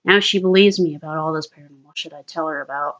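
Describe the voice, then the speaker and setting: A woman's voice: low-pitched, quick pace, fairly bright tone, muffled recording. A woman vlogger telling a personal story in a casual, rambling way, swearing freely and restarting her sentences.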